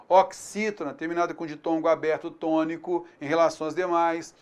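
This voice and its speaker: A man with a Brazilian Portuguese accent teaching an online exam-prep grammar lesson, upbeat and energetic, stressing key words loudly. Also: a little high, smooth.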